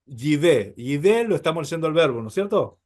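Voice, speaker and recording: A man's voice: on the high side, very animated, fast. A man teaching a Hebrew class, explaining patiently, calling his listeners brothers and checking often that they follow.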